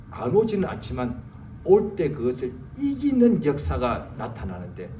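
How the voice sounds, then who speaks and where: A male pastor delivers a sermon with a high, animated voice that leaps between shouted exclamations and hushed muttering. He is recorded from a distance in an echoey church sanctuary, with a faint hum of room noise. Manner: dramatic, swings from loud exclamation to low muttering.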